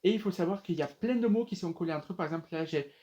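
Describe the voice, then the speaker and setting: A young man with a high, mellow voice rattles off a personal story at rapid-fire speed, speaking straight to his viewers. He rambles casually, full of fillers and restarts, and the recording sounds muffled.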